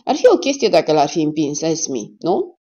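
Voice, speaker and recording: A woman's voice: sits low, big pitch swings, mellow, husky, heavily acted. A woman voicing an easygoing, laconic male sidekick with a casual, wry way of talking. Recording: dull lo-fi audio.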